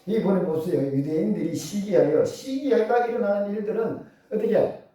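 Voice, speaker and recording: A man's voice: sits high, brisk, dark tone. A man preaching a sermon, full of rhetorical questions to the congregation. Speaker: pastor. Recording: echoey church hall from far off.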